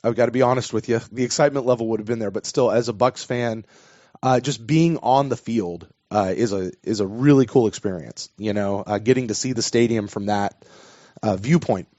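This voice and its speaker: A man's voice: fairly low pitch, fairly quick, dark tone, no echo. A man, hosting a casual sports podcast. His voice is a bit worn, and he rambles and restarts his sentences. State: losing his voice. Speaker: podcast host. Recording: dull dry podcast audio.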